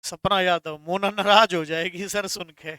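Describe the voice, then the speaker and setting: A man's voice: high voice, steady tone, unhurried, bright, forceful tone, clean tone, dry recording, clean studio sound. A man teaching a Hindi grammar class online, stressing key words and answering viewers' comments.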